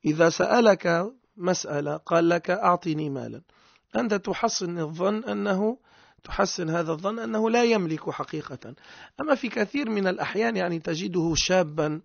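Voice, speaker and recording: A man's voice: high voice, a little fast, creaky, no room sound, muffled recording. A man with a Tunisian accent giving a religious lesson, explaining points by asking and answering his own questions. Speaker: religious teacher.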